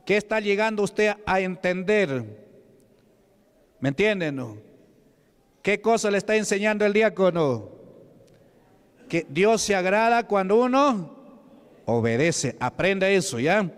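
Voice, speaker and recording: A man with a Peruvian Spanish accent preaching a sermon as a deacon, reading scripture slowly and questioning the congregation. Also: high-pitched, animated, smooth. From Peru. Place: church hall. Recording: long church reverb.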